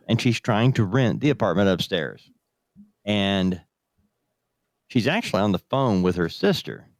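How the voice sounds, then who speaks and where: A man with a somewhat low voice hosts a true crime podcast and retells a case in a conversational way. The recording is dry and close. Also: dry recording. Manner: conversational storytelling. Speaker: podcast host.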